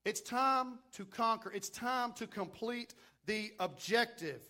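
A man preaching a booming motivational sermon, hammering phrases through emphatic repetition and calls for amen. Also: slow, bright, forceful tone.

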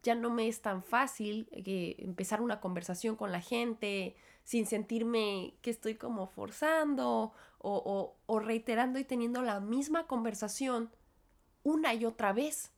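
Young Mexican woman with a cold, podcast host; fairly high voice, rambling and reflective. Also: unhurried. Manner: chatty and self-interrupting, with many restarts. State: has a cold and a cough. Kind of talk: reflective solo podcast monologue.

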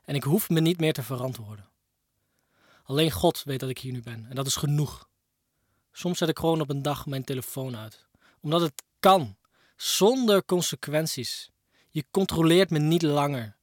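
A man's voice: on the high side, moderate pace, no echo. Emotional young man, dry close voice. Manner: emotional, addresses his ex-partner directly; swings between quiet reflection and raised, pained outbursts. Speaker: monologue speaker. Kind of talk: personal spoken-word monologue.

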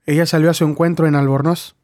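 A man narrating a short story as an audiobook, in a steady, measured delivery. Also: a little high, no room sound, clean studio sound. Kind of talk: scripted narration.

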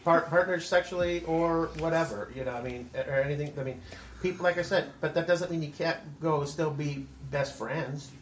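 A woman guest on a chat podcast, talking haltingly and repeating herself with lots of "I mean.". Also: low-pitched. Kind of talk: casual discussion. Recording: echoey room, faint noise.

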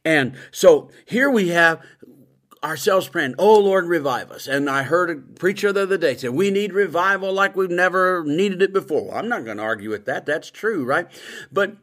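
Emphatic preacher man, bursts of loud emphasis. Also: sits high, animated, normal speed. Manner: emphatic, swings between loud bursts and quiet asides. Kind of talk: sermon.

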